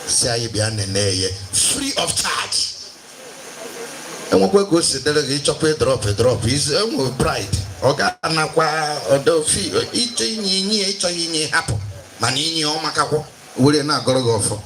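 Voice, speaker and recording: Hosting a live stage show as master of ceremonies, this Igbo-accented Nigerian man is very animated, fairly quick, and a little high-pitched. He mixes Igbo and English with showy announcer phrasing, captured over a microphone at a noisy event.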